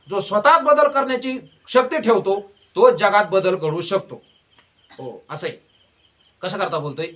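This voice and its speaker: A man's voice: sits high, sharp tone. A man giving a devotional sermon, emphatic and repetitive, with folksy storytelling. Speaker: devotional preacher.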